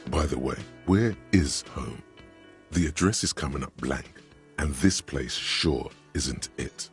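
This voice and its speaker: A man narrating a game in a measured, sardonic storytelling manner. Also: very deep voice, lively intonation, soft background music, full character voice.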